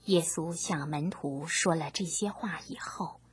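A woman narrating a scripture story, reading gently in a half-whispered way. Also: low voice, unhurried, music in the background.

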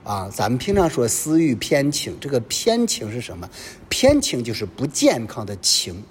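Man preaching with lively pitch. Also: normal speed. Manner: animated preaching full of rhetorical questions. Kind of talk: sermon. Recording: long reverb with faint low rumble.

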